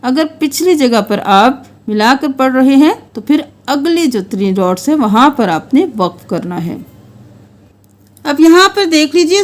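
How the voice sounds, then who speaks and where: High-voiced woman teaching Quran recitation. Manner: patient step-by-step explaining, chanting verses slowly and melodically.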